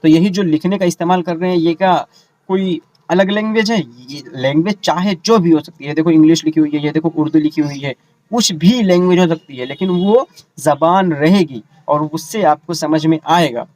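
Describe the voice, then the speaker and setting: A man's voice: on the high side, a little mellow. Man teaching, patient and repetitive. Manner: explains terms slowly, repeating them with English equivalents; asks the students rhetorical questions. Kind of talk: online exam-prep lesson.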